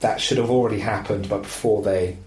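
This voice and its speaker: A man's voice: lowish voice, brisk, reverberant, a little hiss or hum, low-quality recording. A man hosting a podcast who discusses a film in a casual, rambling way with plenty of fillers. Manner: rambling, animated, with frequent fillers. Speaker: podcast host.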